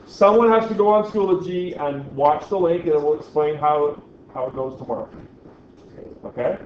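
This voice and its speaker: A man's voice: a little high, normal speed, slight background noise. Jokey male teacher in an echoey classroom. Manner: jokey, keeps checking in with "right?". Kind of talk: classroom lecture. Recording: echoey, dull lo-fi classroom recording.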